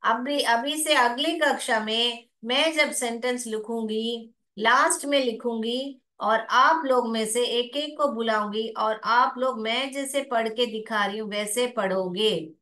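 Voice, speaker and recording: A woman teaching phonics, sounding out each word letter by letter at a very slow, patient pace. She explains in Hindi mixed with English, her voice sitting a little high. The room is echoey. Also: sharp tone. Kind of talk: phonics lesson.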